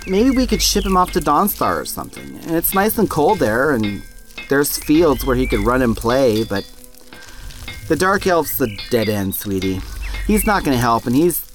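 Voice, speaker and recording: Man playing a bumbling dad mage, laid-back, joking, hesitant, animated pitch.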